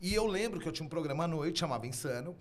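Brazilian man, podcast host; lightish voice, relaxed storyteller. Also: a little high, rapid-fire. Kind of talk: casual podcast conversation.

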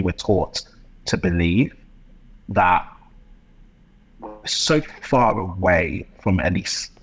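Low, husky-voiced man. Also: fairly bright tone, poor audio. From West London, England. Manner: reflective, impassioned, talks in long rambling runs with restarts. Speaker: podcast guest, entrepreneur. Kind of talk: casual interview chat.

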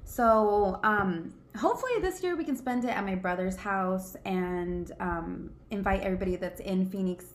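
A woman's voice: mid-range voice, normal speed, hardly any pauses, a little hiss or hum. A woman guest on a podcast in casual chat, playful and joking with casual slang. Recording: echoey room sound.

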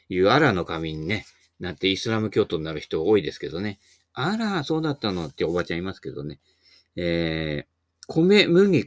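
Middle-aged male host, folksy and rambling, lively swooping delivery, dry close mic. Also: fairly low pitch, no room sound. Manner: rambling and folksy, dropping jokes and asides. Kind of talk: casual monologue.

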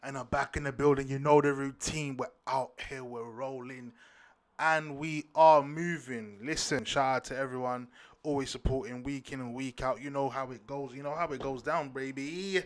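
A man's voice: medium pitch, fairly even intonation, normal speed. A man with a London roadman accent hosting a casual solo sports podcast, talking in street slang and often repeating himself as he addresses listeners. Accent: London roadman, urban British slang. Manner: slangy, repetitive shout-outs and addresses to listeners. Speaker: podcast host.

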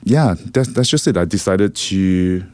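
A man's voice: low-pitched, animated, a little slow, a little mellow, no room sound. A middle-aged man from Singapore, a guest on a podcast, speaking in a reflective way and repeating words as he thinks. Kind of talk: casual interview.

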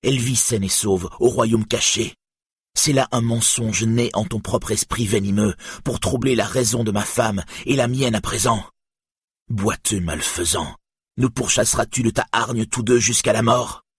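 A man's voice: lowish voice, a little slow, slightly rough, no echo, studio quality, voice pushed up. A man voicing a proud, wrathful hero warrior who commands and accuses, in an audiobook reading.

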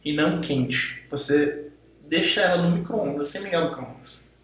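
A man's voice: a little high, moderate pace, a bit bright, a little hiss or hum. A man co-hosting a podcast, rambling through explanations and defending his opinions. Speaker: podcast co-host. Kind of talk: casual podcast banter. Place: podcast recording room. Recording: very echoey room.

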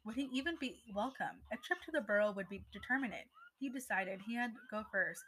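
A woman narrating a story aloud in a steady voice, with an occasional stumble. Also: fairly high pitch, a little fast, a little hiss or hum. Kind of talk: reading fan fiction aloud.

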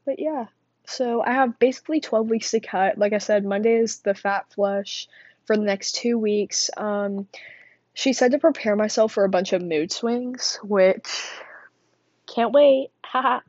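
Winded and speaking at a measured pace, a teen girl vlogs in a loose, chatty monologue, poking fun at herself and leaning heavily on fillers as her mid-pitched voice wanders from one idea to another. The audio is dry and dull, captured close in a small, quiet room without any echo.

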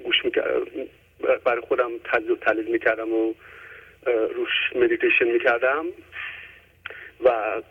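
A man calling in to a talk show, chatting casually and hesitantly, filling his pauses with lots of "uh"s. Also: medium pitch, level tone, slightly rough. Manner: hesitant, many filler sounds. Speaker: caller. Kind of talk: casual call-in chat. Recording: tinny phone line.

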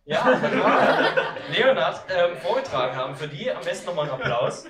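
A man's voice: on the high side, sing-song, moderate pace, over a noisy crowd. A man hosting a live event, speaking casually and hesitantly with many fillers. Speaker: event host. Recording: echoey room, from far off, faint noise.

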